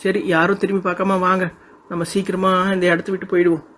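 A cartoon voice artist playing a cautious villager who urges the group to leave quickly. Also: mid-range voice, flat delivery, a bit bright, slight background noise, pitched below the performer's own voice, natural voice. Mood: urgent.

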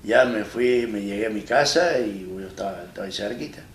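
Speaking with an Argentine Spanish accent, a man in his fifties with a voice on the low side recounts his own experiences as an interview guest. He sits in an armchair on a small studio set, talking in a plain, halting manner and restarting often as he retells. A distant mic leaves roomy echo and faint hiss on the recording.

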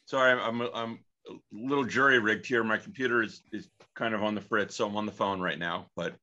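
A man's voice comes through a phone line that sounds muffled and lo-fi. His voice sits on the low side. He explains things in a relaxed interview tone and often pauses on "uh" and "um". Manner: relaxed, with frequent "uh" and "um" fillers. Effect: talking over the phone. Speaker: researcher being interviewed.

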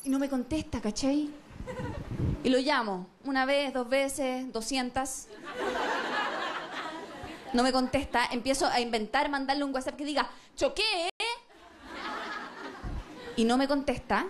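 A Chilean woman with a high, bright voice performs stand-up on a comedy stage, animatedly acting out both partners in her stories. The audience's noise is clearly audible behind her stage mic. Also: normal speed, pauses often, crowd noise. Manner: animated storytelling, acting out both sides of a couple.

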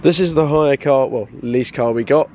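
A young man with a slightly hoarse, darkish mid-range voice chats upbeat at a normal speed as host of a casual car vlog, holding the camera at arm's length. He's inside a car and at a car dealership. Engine, road and street noise fill the recording.

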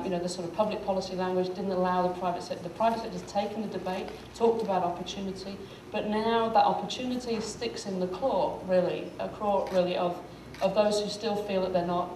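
A middle-aged woman talks thoughtfully on a conference panel, gesturing and often restarting her phrases. Her voice is lower than most women's. She is heard in an echoey hall from a distance, over a noticeable noise floor. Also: darkish tone. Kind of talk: panel discussion remarks. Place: conference stage, indoors. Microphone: lapel mic.

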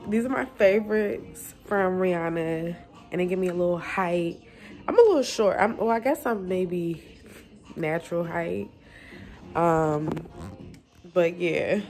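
Holding her phone out at arm's length, a young mom with a Southern American accent chats in a selfie vlog, moving from a car at a gas station to her kitchen at home. She has a mid-range voice and a stuffy nose, and her talk is relaxed, gabby, and full of slang.

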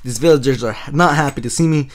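A young man giving casual let's-play commentary over his own gameplay, excitable and quick to laugh. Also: medium pitch. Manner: excitable, laughs often, shrieks at surprises. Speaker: gaming channel host.

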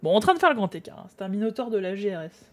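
A woman's voice: medium pitch, sing-song, rapid-fire. Chatty young French-speaking woman streamer. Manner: chatty, laughs often, mutters to herself while drawing. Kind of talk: casual live-stream chat while drawing.

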